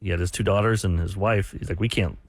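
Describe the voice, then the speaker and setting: A man's voice: low voice, steady tone, quick pace, gravelly, dry recording. A man chatting casually on a radio panel, opinionated and telling personal anecdotes in repeated, tumbling phrases. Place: radio studio.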